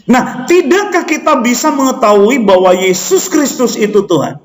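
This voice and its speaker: A man preaching a sermon, pressing his listeners with rhetorical questions and calling them brothers and sisters. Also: on the high side. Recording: echoey hall.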